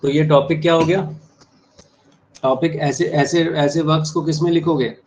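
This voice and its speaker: An English exam tutor explains exam answers to students in a flat, level tone, his voice on the high side. He repeats key terms slowly and spells words out letter by letter, and the recording is dull and lo-fi with faint noise.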